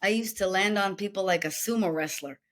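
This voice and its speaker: Speaking fairly quickly at medium pitch, a woman with an Israeli accent appears as an interviewed guest executive coach. She explains her method by asking rhetorical questions and listing out steps.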